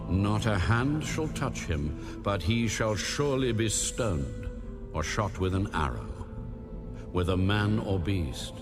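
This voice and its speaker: Casting: God in an audio Bible drama, commanding, deep, very measured delivery. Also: male voice, heavily acted. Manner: solemn, deliberate. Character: God, a solemn commanding male deity giving stern orders.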